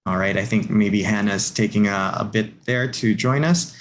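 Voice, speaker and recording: A man's voice: fairly low pitch, normal speed. A man hosting an online panel, courteously greeting and introducing participants. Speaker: panel host. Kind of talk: webinar moderating.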